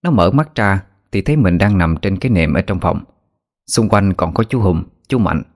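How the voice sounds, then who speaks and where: A man narrating a spooky story in a steady, even manner. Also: low-pitched, moderate pace. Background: faint background music.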